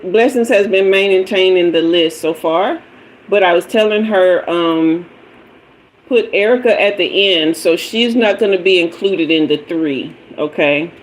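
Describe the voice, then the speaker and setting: Her fairly low-pitched voice comes through a rough recording as this woman in her fifties, a tarot reader, hosts a casual livestream. Chatty and playful, she greets viewers, requests emojis, and wanders away from and back to the mic.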